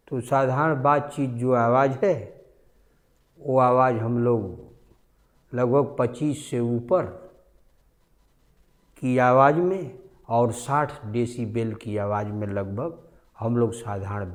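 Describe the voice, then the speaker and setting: Slow, deliberate male science teacher. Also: mid-range voice. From India. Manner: slow, repetitive, stresses key numbers. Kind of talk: classroom science lecture.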